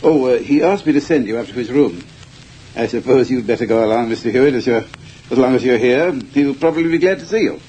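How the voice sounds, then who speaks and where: Very husky, hesitant doctor. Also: male voice, mid-range voice, expressive, quick pace, dark tone, low-quality recording. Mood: polite, hesitant. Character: hesitant, polite visiting family doctor. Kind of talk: old radio drama acting.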